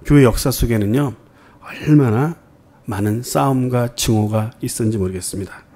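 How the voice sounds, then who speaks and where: A man from Jeonju preaching a sermon with a Jeolla Korean accent. He delivers it with lively swings between loud emphasis and quiet asides, and he drops English words into his speech. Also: medium pitch, moderate pace, husky. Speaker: pastor.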